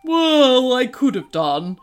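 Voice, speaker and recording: A woman voicing a big, friendly male dragon who teases in a bold, loud way, with faint music behind. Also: high-pitched, very animated, takes it slowly, voice pushed up, exaggerated voice. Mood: teasing.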